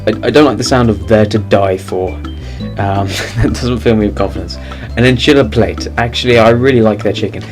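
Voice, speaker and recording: A man's voice: fairly low pitch, a little fast, over music. A man reading a game's text aloud and joking about it in wry asides. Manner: wry, laughs at the dark twists. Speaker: game streamer.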